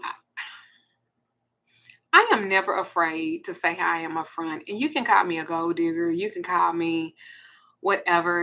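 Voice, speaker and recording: A woman's voice: fairly low pitch, bright, forceful tone. A woman, hosting a blunt, profane ranting monologue. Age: 40s. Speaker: host.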